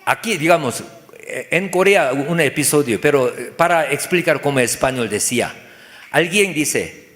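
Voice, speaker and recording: A man's voice: a little high, expressive, moderate pace, a bit bright, long reverb tail. A man preaching a sermon in simple, broken phrases, asking rhetorical questions and acting out little dialogues. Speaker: pastor. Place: church.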